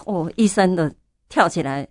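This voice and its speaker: An older woman speaks in a somewhat low voice, a church elder recounting her experience in an interview. She is fervent and often repeats her prayers aloud. The recording is dry, with almost no room sound. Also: moderate pace, a little mellow, no room sound. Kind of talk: testimony interview.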